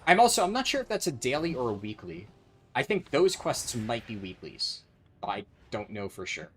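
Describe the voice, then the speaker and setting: A man's voice: medium pitch, big pitch swings, normal speed, fairly bright tone. Casual, sardonic male game streamer. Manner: sardonic, sweary. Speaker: live streamer, speedrunner. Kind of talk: casual gaming livestream chat and commentary.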